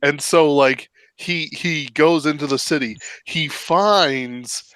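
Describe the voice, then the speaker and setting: A man co-hosting a casual livestream chat, retelling scenes in a rambling, animated way. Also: fairly high pitch, slow pace, smooth, dry recording. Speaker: podcast co-host.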